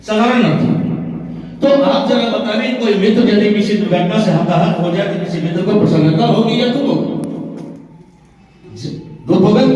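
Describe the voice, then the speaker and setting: A man's voice: sits high, a little mellow. A male teacher giving a classroom lecture, explaining step by step and quizzing the class. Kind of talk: classroom lecture on grammar and writing. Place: training room. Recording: echoey hall, far from the mic.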